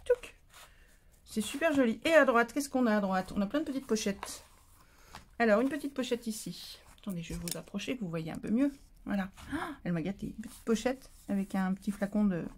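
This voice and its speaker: A woman hosting a casual unboxing vlog for her crafting channel. She gushes, repeats herself and talks to her viewers while she opens a parcel. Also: medium pitch. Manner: gushing, excitable, repeats herself.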